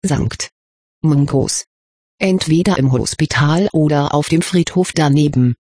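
A reader voicing a weary, sharp-tongued teenage witch girl with a croaky, grumbling manner in an audiobook. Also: medium pitch, unhurried, dry recording, studio quality. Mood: exhausted. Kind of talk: audiobook reading.

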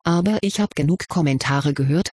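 A stubborn schoolboy wizard in a storybook, asking questions and defending himself with a wry touch, read by a narrator. The voice is slightly husky, close and dry. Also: medium pitch, brisk, a little mellow, no room sound, natural voice. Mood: questioning, wry. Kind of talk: audiobook reading of fan fiction.

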